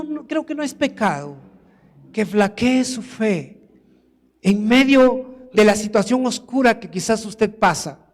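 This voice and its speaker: A man's voice: high-pitched, in a large hall. A man preaching a sermon in a church, emphatic and building to exclamations. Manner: emphatic, rises to exclamations and acted quotes.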